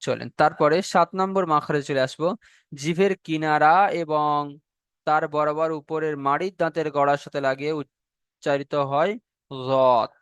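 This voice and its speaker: A man teaching a class on pronouncing Arabic letters, slow and repetitive, drawing out each letter sound and checking in with his students. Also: fairly high pitch, steady tone, a bit bright, smooth, dry recording. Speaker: Quran recitation teacher. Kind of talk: classroom lesson on letter pronunciation.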